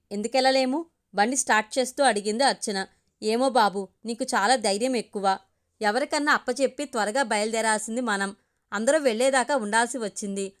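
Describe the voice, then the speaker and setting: A woman reading a family story aloud in an even, steady way, lightly voicing each character's lines. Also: a little high.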